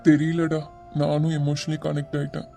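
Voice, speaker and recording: A man voicing a kind, calm middle-aged father in an animated web series, gentle and fatherly. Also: on the high side, moderate pace, gravelly, faint music behind. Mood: emotional.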